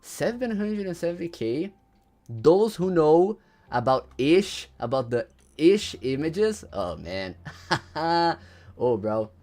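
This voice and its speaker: A man's voice: a little high, sing-song, slow pace, darkish tone. A man livestreaming casually. He says "bro" and "you know" all the time, repeats his lines, and reads chat messages aloud before answering them. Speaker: livestreamer ranking game items.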